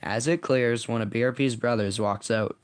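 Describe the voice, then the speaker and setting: A man reads his own story aloud, casual and unpolished, stumbling now and then and fixing his words. His voice sits at an average pitch. The sound is dry and close, with no room echo. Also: steady tone, normal speed. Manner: casual, stumbles and corrects himself.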